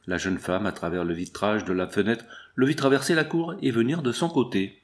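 A man narrating a classic novel in a measured storytelling manner. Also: fairly low pitch. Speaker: audiobook narrator. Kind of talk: scripted narration.

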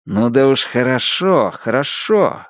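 A man voicing a cruel male officer who puts on a soft, sanctimonious tone. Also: medium pitch, very animated, takes it slowly, dry recording, studio quality. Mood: mock-gentle. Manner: mock-gentle, sanctimonious. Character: sly, cruel male officer feigning kindness.

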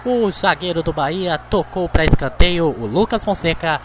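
A man's voice: a little high, lively intonation, normal speed, noisy background. A man with a Brazilian accent reporting in live radio football commentary. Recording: dull lo-fi feed, music behind.

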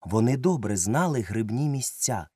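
A man narrating a children's story as an audiobook, reading in a lively, expressive way. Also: mid-range voice, normal speed, slightly rough, dry recording, clean studio sound.

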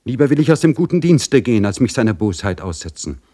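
A man's voice: medium pitch, very animated, fast, mellow, dry recording, studio quality, voice pushed up. A man reading aloud voices a frightened young maidservant in an anxious, pleading way.

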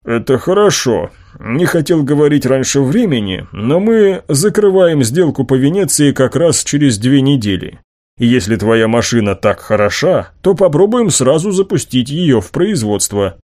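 A man's voice: mid-range voice, lively intonation, moderate pace, a little mellow, close to an everyday voice. A man doing a grumbling cautious businessman. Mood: businesslike. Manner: grumbling, dry.

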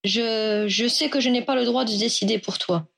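An earnest young male wizard speaks with polite sincerity, read by a woman narrator. His voice sits a little higher than her narration. It is a plain storybook voice. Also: steady tone, moderate pace, vocal fry, a bit bright. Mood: apologetic. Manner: polite and apologetic, then heated. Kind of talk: audiobook reading of fan fiction.

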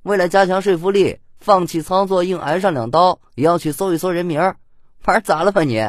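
A man's voice: fairly high pitch, expressive, quick pace, dry recording, studio quality, voice pushed up, lightly acted. A man voicing a sly young man who teases and mocks his rival. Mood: mocking. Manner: mocking, laughing banter.

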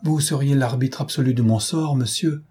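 A man reading the part of a timid, nearsighted young man who speaks softly and hesitantly but with quiet dignity, in a mellow, slightly husky voice. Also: mid-range voice, measured pace. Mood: gentle, hesitant. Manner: soft, hesitant and trembling, yet dignified.

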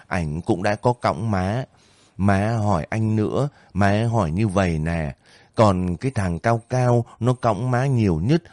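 A man reading the lines of a gentle, earnest young female volunteer in his own low voice. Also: no echo, natural voice.

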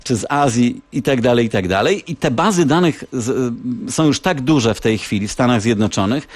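A man's voice: medium pitch, lively intonation, normal speed, no room sound. Hesitant, explaining male radio correspondent. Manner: explanatory, with hesitant fillers and restarts. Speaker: radio correspondent in the United States. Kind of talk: phone-in radio chat.

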